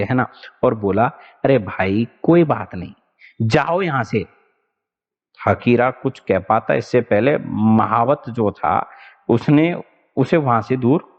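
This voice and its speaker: Guy teaching an exam class, chatty and lively, roomy muffled sound. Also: medium pitch. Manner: animated, chatty, laughs often. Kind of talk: storytelling in an exam-prep lesson.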